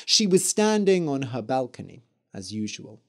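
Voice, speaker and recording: A man reading a story aloud for language learners in a slow, clear, expressive way. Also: medium pitch. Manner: expressive, deliberate.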